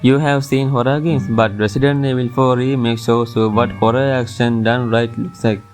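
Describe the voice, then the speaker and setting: A man's voice: medium pitch, steady tone, normal speed, a little mellow. A man reading a scripted top ten countdown as its narrator, with music playing behind him. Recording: music under the voice.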